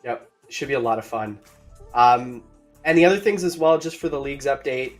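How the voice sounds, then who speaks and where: A man's voice: medium pitch, brisk, soft background music. A man co-hosting a mobile game livestream, upbeat and chatty, greeting viewers in chat and sounding a bit out of breath.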